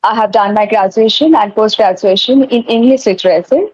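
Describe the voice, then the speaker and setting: A young woman from West Bengal, India, talking earnestly and politely in English conversation practice, with filler pauses. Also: medium pitch, a little mellow, slightly rough, no room sound. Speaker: guest, English learner. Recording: dry lo-fi call audio.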